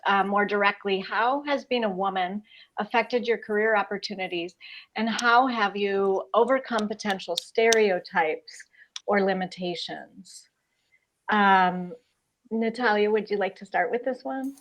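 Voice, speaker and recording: A woman's voice: mid-range voice, a bit bright, a little hiss or hum. Upbeat woman moderating a video panel. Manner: upbeat, encouraging, hands the turn to each guest. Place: video call.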